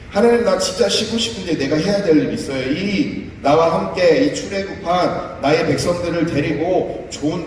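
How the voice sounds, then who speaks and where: A man's voice: fairly high pitch, darkish tone, a little hiss or hum, voice pushed up, lightly acted. A man voicing a weary Moses who pleads and complains in a raised voice, heard from far off in an echoey church hall.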